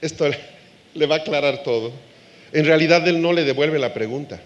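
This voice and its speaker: A man preaching a sermon to a live congregation, animated, acting out quoted voices and laughing along with the audience. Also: on the high side, brisk, muffled recording.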